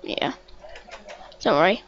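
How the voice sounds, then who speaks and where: A woman giving casual, stammering narration of a let's play, repeating words and chatting to the game as she plays. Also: takes it slowly. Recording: dull lo-fi mic with faint hiss.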